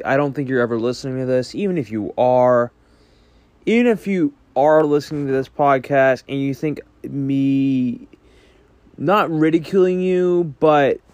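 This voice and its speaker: A man hosting his own podcast, speaking earnestly in a halting way with frequent restarts. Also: mid-range voice, a little mellow, no echo. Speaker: podcast host. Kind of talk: solo podcast monologue.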